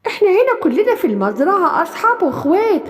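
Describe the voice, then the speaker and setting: A woman's voice: very high-pitched, very animated, racing. Woman doing a kind little cartoon bunny, egyptian accent, soothing, echoey. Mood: caring. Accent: Egyptian Arabic. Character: friendly rabbit, caring and gently scolding.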